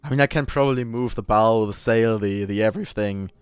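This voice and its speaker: A man's voice: fairly low pitch, fairly quick, clean tone, no echo, soft background music. A German man with a German accent, streaming a building game and chatting casually, laughing often and swearing at himself. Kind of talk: casual chat while playing.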